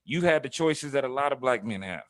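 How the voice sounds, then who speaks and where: A man in his thirties hosting an interview, talking in an affirming, brotherly, halting way. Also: medium pitch, lively intonation, fairly bright tone, dry recording, studio quality. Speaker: host. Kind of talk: casual interview talk.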